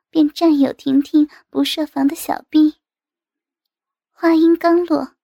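A woman narrating a story in a steady, measured reading of short phrases. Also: sits high, vocal fry, no room sound. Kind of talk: scripted audiobook narration.

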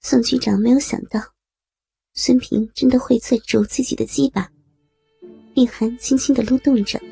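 A woman narrating an audio story with slow, steady reading. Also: fairly high pitch, creaky, husky.

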